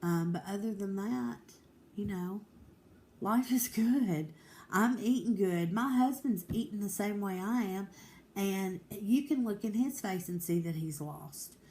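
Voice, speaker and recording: A woman's voice: medium pitch, unhurried, dark tone, a little hiss or hum. A woman, talking candidly and determinedly in a casual home vlog, rambling with many fillers. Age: 40s. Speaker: vlogger.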